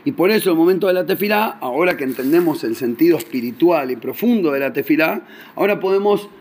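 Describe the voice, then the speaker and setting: A man with a Rioplatense accent tells a religious story with lively, animated delivery, slipping into the voices of his characters. His voice sits a little higher than most men's. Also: quick pace, husky. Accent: Rioplatense Spanish. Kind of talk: storytelling sermon.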